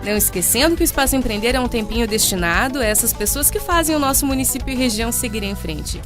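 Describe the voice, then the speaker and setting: A woman's voice: on the high side, animated, quick pace, music in the background. A woman hosting a radio interview in a studio, prompting her guest with friendly questions. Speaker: radio host.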